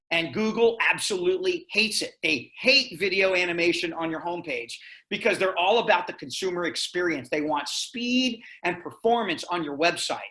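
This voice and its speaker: A man presenting a sales webinar, talking in a direct, energetic and persuasive way. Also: sits high. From Florida, US.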